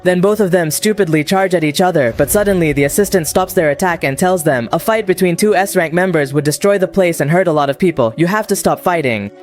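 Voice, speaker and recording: A man narrates an anime story recap with an excited, dramatic push. His voice sits a little high for a man. Soft music runs under the voice-over. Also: a little fast, hardly any pauses.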